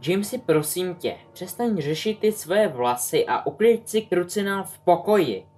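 A man playing an exasperated mum, raised pitch, storybook reading. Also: huge pitch swings, a bit bright, faint music behind, heavily acted. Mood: scolding. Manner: scolding, exasperated. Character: exasperated mother scolding her son.

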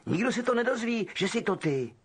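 A man's voice: high voice, very animated, breathy edge, voice pushed up, heavily acted. A male audiobook reader voicing a cautious, nervous teenage boy with an urgent manner.

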